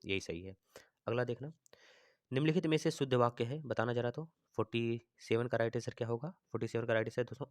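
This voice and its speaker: A man teaching a Hindi grammar exam-prep lesson with a north Indian accent, reading sentences aloud and slowly repeating them as he thinks them through. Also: mid-range voice, no room sound, studio quality. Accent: Hindi-speaking north Indian.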